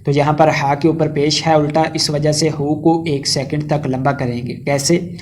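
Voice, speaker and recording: A man with a Pakistani Urdu accent teaching Quran recitation step by step, spelling out letters and chanting verses slowly between quick explanations. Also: a little high, little pitch movement, a little mellow.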